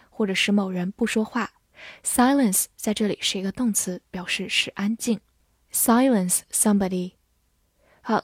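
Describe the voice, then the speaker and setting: A young woman teaching English vocabulary in a scripted lesson, spelling words out and reading model sentences slowly and clearly. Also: mid-range voice, a little mellow, dry recording, clean studio sound.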